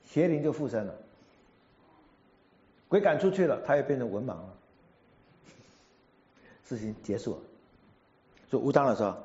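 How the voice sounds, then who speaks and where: A male preacher giving a sermon, telling a story in an animated way and acting out what people said. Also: mid-range voice, moderate pace, pauses often, lo-fi sound. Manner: animated storyteller, acts out quotes.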